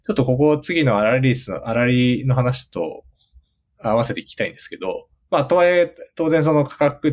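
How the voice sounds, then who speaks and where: A man hosting a conversational business interview, thinking aloud as he rephrases his questions. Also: fairly low pitch. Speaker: interviewer, host.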